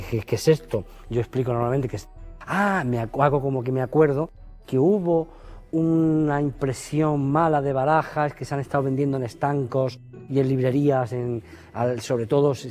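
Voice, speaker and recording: A man walks through a card routine in relaxed, chatty speech. His voice is mellow and warm, and he jumps into higher voices when acting out his patter. Faint music plays behind him. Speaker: magician teaching a card routine. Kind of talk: casual spoken magic lesson.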